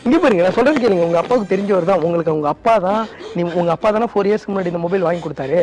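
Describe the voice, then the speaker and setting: A man's voice: sits high, animated, rapid-fire. A man hosting a prank video, coaxing and apologizing over and over with nervous laughs. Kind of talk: casual pleading apology. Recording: loud background music.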